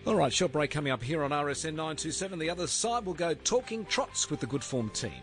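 A man's voice: on the high side, animated, fast talker, a bit bright, faint music behind. An Australian man hosting a sports radio show, linking segments and prompting his co-host.

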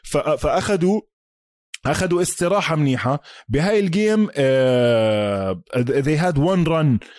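A man's voice: on the high side, lively intonation, measured pace, a little mellow, dry recording, studio quality. A man with a Palestinian Arabic accent chatting casually about sports as a podcast host, emphatic and repeating himself, mixing in English terms.

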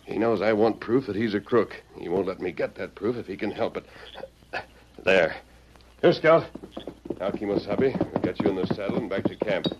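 An actor playing a steadfast, commanding cowboy hero in an old radio western, speaking in a firm, measured, clearly enunciated way. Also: male voice, on the low side, fairly even intonation, darkish tone, lightly acted. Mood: resolute. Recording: muffled, noisy old radio recording.

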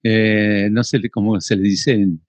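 A man's voice: lowish voice, little pitch movement, unhurried, no room sound. An older man, chatting casually and rambling, filling gaps with playful sounds. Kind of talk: casual conversation.

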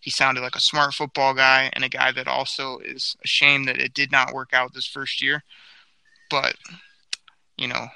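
A man hosting a sports talk show, excitable and argumentative as he makes his case. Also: mid-range voice, creaky, smooth, no room sound, low-quality recording. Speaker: sports podcast host.

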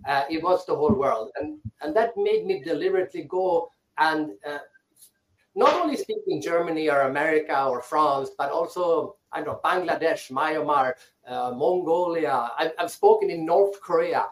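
A Swedish man with a fairly high voice speaks at normal speed against a noisy background. He's a guest answering interview questions thoughtfully, often restarting his words, from the rooftop of his island house over echoey online audio.

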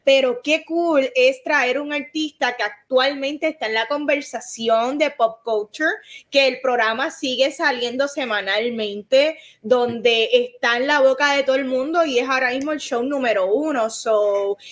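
A woman's voice: high voice, measured pace. A woman with a Puerto Rican Spanish accent co-hosting a podcast, chatting freely and dropping English words into her Spanish. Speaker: podcast co-host. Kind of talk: casual chat.

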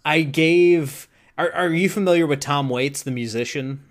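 A man's voice: fairly high pitch, measured pace, over a noisy crowd. Male host, casual interviewer, dry and joking.

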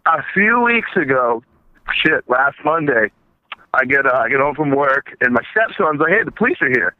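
A man's voice: medium pitch, sing-song, normal speed, no echo. Male call-in guest, tinny phone line, dry, rambling and blunt. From South Shore, Massachusetts. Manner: rambling, blunt storyteller with curse slips. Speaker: caller. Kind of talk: telling a story on a phone call.

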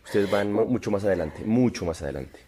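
A man's voice: fairly low pitch, lively intonation, a little fast, dark tone, husky. A man, a podcast guest chatting casually in a joking, rambling, provocative way. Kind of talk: casual chat.

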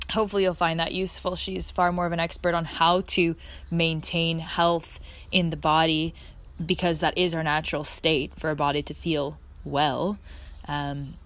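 A woman hosting a casual, reflective podcast from her backyard, speaking in an earnest, effusive way. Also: on the low side. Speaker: podcast host. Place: outdoors in a backyard.

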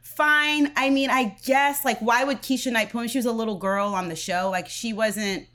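A woman co-host with a bright, forceful tone chats casually about the news. She talks in loose runs full of fillers and breaks into laughter easily. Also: on the high side, moderate pace. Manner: chatty, many fillers, laughs often. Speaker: podcast co-host. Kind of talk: casual chat.

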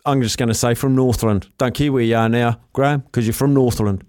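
A man with a New Zealand accent hosts a sports radio phone-in. His voice is clear and resonant, with medium pitch, recorded dry and close. He chats casually with his callers. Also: fairly even intonation, brisk, darkish tone, no echo. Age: middle-aged or older. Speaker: sports talk radio host. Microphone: close studio microphone.

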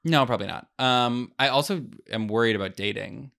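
A man's voice: mid-range voice, brisk, vocal fry, fairly bright tone. A young man chatting as a guest on a podcast, rambling with lots of fillers and restarts. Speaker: guest comedian. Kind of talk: casual podcast chat.

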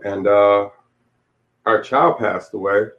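Taking it slowly in a fairly low voice, a man in his late forties recounts his life story as an interview guest and author. He is candid, reflective and plain-spoken, and the recording sounds dull and lo-fi.

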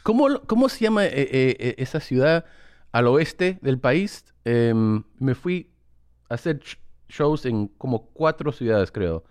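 A man's voice: medium pitch, big pitch swings, a little slow, a little mellow, clear, resonant tone, no room sound. Dry-sounding man chatting with a laugh. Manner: laughs easily, acts out quoted locals. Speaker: podcast host. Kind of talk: casual chat.

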